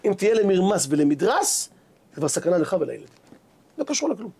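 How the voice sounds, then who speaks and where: Rabbi guy preaching, husky high voice that swings all over, acts out the dialogue. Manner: animated storyteller acting out dialogue. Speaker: rabbi giving a Torah lesson. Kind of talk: Hebrew sermon with stories.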